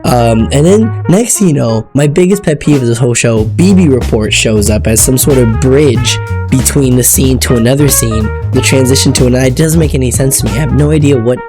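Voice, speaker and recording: A man's voice: medium pitch, brisk. Rambling male reviewer over background music. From Ecuador. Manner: rambling, searching for words. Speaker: TV episode reviewer. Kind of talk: casual review commentary. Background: music playing.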